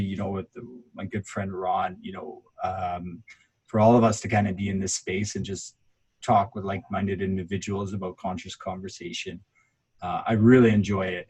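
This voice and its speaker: A man's voice: deep voice, husky. A man co-hosting a podcast, earnest and effusive, with many "you know"s and "uh"s. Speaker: podcast co-host. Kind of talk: casual interview chat.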